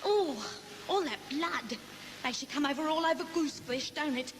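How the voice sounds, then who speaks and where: High-voiced Cockney schemer. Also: female voice, background noise. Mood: cheerfully callous. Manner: motherly endearments, practical and brisk. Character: scheming, chatty working-class London pie-shop woman. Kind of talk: theatrical stage-musical dialogue.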